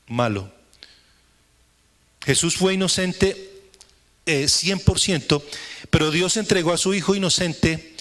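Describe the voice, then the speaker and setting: A man's voice: fairly high pitch, a bit bright. A male pastor preaching a sermon to a congregation, repeating phrases for emphasis and often asking the listeners rhetorical questions. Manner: emphatic, repetitive preaching cadence. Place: church service with congregation.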